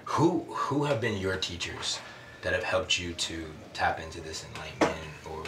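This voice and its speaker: A man in casual conversation as an interviewer, halting as he searches for words. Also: deep voice, expressive. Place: small sauna. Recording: distant, echoey, noisy room.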